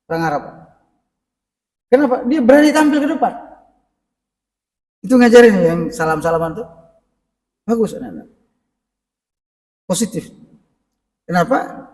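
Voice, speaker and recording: In an echoey mosque hall, a middle-aged man with a high voice preaches about parenting at normal speed, leaving long pauses. His style is relaxed and conversational, frequently addressing the congregation directly, and the distant mic picks up a long, echoing tail.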